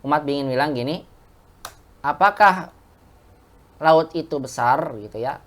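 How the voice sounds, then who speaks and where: A woman's voice: low-pitched, a little slow. A woman teaching an Arabic lesson to a class, explaining step by step and asking the class questions. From Indonesia. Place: mosque classroom.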